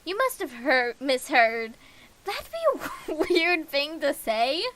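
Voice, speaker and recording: A woman game streamer with a high, very animated, slightly bright voice reads a visual novel aloud, adding casual asides. Her reading is halting, with slips she stops to correct.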